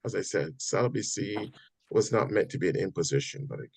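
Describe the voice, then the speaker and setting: A man leading a church Bible study group, talking in a halting way with many fillers and repeated words. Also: deep voice, expressive, gravelly, darkish tone, breathy edge, no echo. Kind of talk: casual group discussion. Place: church meeting room.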